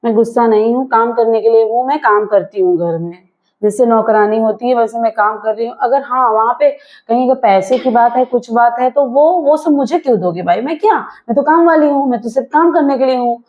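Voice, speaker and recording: A woman's voice: fairly high pitch, fairly quick. A woman playing a sulky, sarcastic wife in a scripted family comedy skit. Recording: dull lo-fi home video sound.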